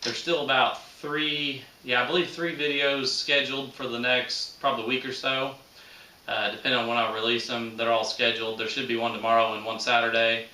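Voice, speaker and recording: A man in his thirties hosts a shooting hobby channel, chatting unscripted to viewers in a folksy way with rural, colloquial grammar. His mid-range voice is bright and forceful, level in tone and fairly quick, heard through a distant mic with roomy echo.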